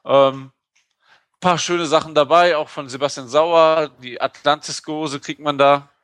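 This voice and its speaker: A man's voice: fairly high pitch, fairly even intonation, a little slow, a bit bright, no echo. A man co-hosting a podcast in casual chat, speaking, joking and full of fillers. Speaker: podcast co-host.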